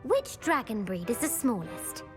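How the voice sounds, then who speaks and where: A woman voices an eager, bookish schoolgirl quizmaster for a video game, precise, enthusiastic and instructive. Her voice is on the high side and very animated, delivered at a measured pace over music.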